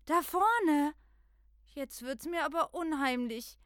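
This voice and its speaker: A woman playing a lively, playful, easily spooked young girl in a children's audio drama. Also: sits high, slow pace, dry recording, clean studio sound, heavily acted. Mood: spooked, excited.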